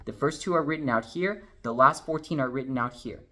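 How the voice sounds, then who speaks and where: A man's voice: mid-range voice, fairly quick, fairly bright tone. A man teaching drumline sheet music, explaining patiently and counting and singing the rhythms aloud. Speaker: drumline instructor.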